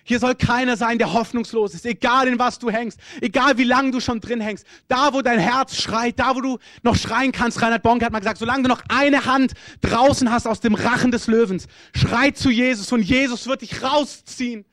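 High-voiced urgent preacher man. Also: fairly even intonation, normal speed, few pauses, a bit bright, dry recording, clean studio sound. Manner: urgent, repetitive pleading calls. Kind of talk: sermon with altar call and prayer.

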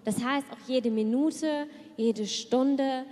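Woman pastor giving a sermon, kinda high voice, goes soft and quiet when she prays, big reverby hall. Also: slow. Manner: earnest, softening to a hush in prayerful moments. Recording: long reverb of a church hall.

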